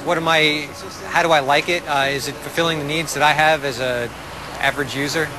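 A man's voice: a little high, steady tone, a little fast. A man, an engineer and test driver, talking matter-of-factly in a casual interview outdoors. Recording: outdoor street noise.

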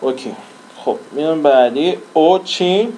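A man's voice: a little high, dark tone, a little hiss or hum, poor audio. A man teaching a language lesson in casual Persian-language style, repeating and drawling example words as he writes.

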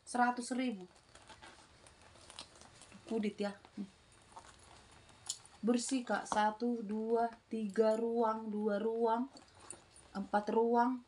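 A woman's voice: on the high side, flat delivery, drawn-out words, pauses often, darkish tone, slight background noise. A middle-aged woman doing casual, repetitive live-selling patter, calling out items and prices. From Indonesia. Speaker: online seller of secondhand bags. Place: small room indoors.

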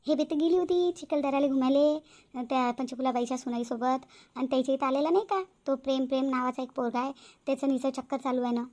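A high, fast-talking cartoon village gossip, voiced by a woman who answers back in a lilt. She rattles out rumours and gets defiant when she is challenged, and her voice stays bright and rapid throughout. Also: lightly acted. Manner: defiant, quarrelsome. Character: gossipy middle-aged village woman Chandrakala.

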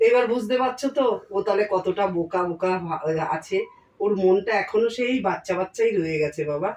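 A woman's voice: mid-range voice, fairly quick, lightly acted. A woman playing a doting mother-in-law who protects her simple son in a comic sketch. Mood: soothing. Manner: soothing, then loudly scolding. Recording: roomy, distant mic.

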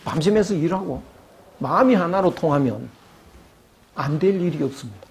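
A man's voice: on the high side, expressive, moderate pace, gravelly, a little hiss or hum. An older man giving an academic lecture, asking rhetorical questions and acting out quoted voices.

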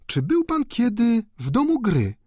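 A man's voice: sits high, very animated, measured pace, dry recording, clean studio sound, voice pushed up, heavily acted. A male audiobook narrator voicing a distraught young noblewoman who speaks in a pleading, tremulous way. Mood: anxious. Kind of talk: audiobook character reading.

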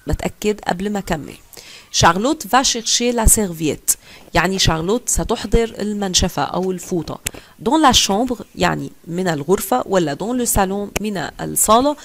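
A woman with an Egyptian Arabic accent, teaching a French textbook lesson. She reads French lines slowly and then explains them in casual talk. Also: mid-range voice.

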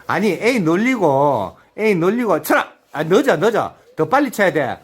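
A man's voice: sits high, sing-song, moderate pace, husky. A man instructing and cheering people on during a video game, with short repeated calls and a lot of laughter. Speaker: activity instructor.

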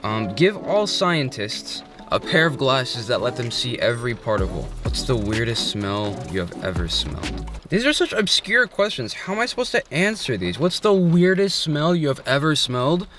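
A young adult man vlogs from inside a parked car at night, holding his phone at arm's length. His bright-ish, medium-pitched voice is very animated as he answers quirky questions casually, joking around with quick asides. Soft music plays in the background.

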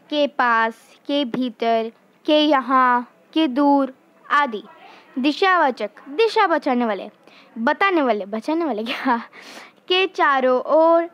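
A young woman explaining grammar in a lesson, slowly and clearly, sometimes acting out example phrases. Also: high-pitched, a bit bright, dry recording. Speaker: teacher.

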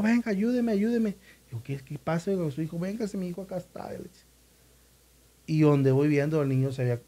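A man's voice: mid-range voice, dark tone. A man recounting a past event in casual conversation, acting out the voices of the people he quotes. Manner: vivid retelling, acts out quoted voices. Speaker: former newspaper reporter, podcast guest. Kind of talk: casual storytelling chat.

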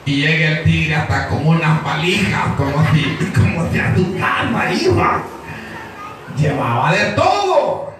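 A pastor preaches by telling a story, slow and drawn out in a slightly high voice. He acts out the people in it and shouts the punchlines. The recording sits far from him in a hugely echoing hall with faint noise behind. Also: sing-song. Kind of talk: storytelling sermon. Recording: echoey hall, distant mic, faint noise.

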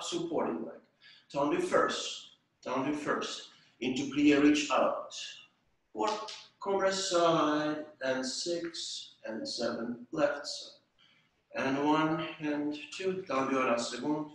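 A slow-paced, slightly high voice belongs to an older Estonian man teaching ballet at home. He sings out the beat and counts rhythmically. The audio is from a distant camera in an echoing, tile-floored room.

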